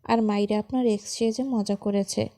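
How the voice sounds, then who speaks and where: A woman's voice: mid-range voice, steady tone, normal speed, mellow, lightly acted. A woman voicing a timid, easily cowed young woman in a storybook romance, speaking meekly. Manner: meek, mumbling.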